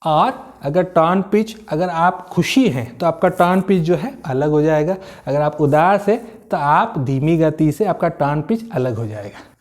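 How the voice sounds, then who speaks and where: A man's voice: fairly high pitch, expressive, measured pace. A man giving a motivational lesson on communication skills. He explains step by step with everyday examples, repeats key words for emphasis and mixes English phrases into his talk.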